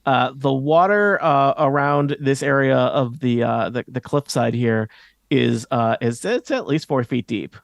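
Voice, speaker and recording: A man running a tabletop game as game master, narrating scenes to players in halting, hesitant phrases with a creaky voice. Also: medium pitch, dry recording, studio quality.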